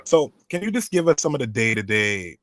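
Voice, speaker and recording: A man hosting an interview show and speaking in a relaxed way that stumbles a little. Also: mid-range voice, brisk, no echo. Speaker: radio show host.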